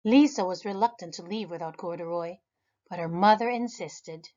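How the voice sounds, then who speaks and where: A woman, a preschool teacher, reading a children's picture book aloud in a lively, expressive way. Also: moderate pace, lo-fi sound. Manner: animated, high voices for characters. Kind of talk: children's storybook read-aloud.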